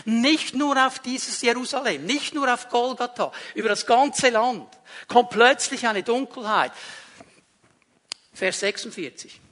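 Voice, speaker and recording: A man preaching a sermon, emphatic and building to loud repeated phrases. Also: very high voice, measured pace.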